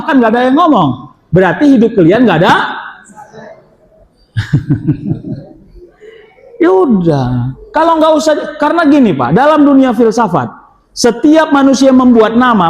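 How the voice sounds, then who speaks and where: A man preaches in a very high, animated voice. He tells stories, mimics the people in them and fires questions at his listeners, sometimes breaking into a shout. His voice rings through a roomy hall with a long, trailing reverb. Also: moderate pace, long pauses. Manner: animated, questions the audience, acts out quoted voices, bursts into shouts. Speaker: Islamic preacher. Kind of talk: lively religious lecture with storytelling.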